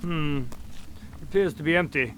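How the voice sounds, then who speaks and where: An actor playing an earnest, loyal doctor and detective's sidekick in an audio drama, speaking in a polite, formal, expressive way. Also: male voice, fairly high pitch, a little slow, slight background noise. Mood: wary.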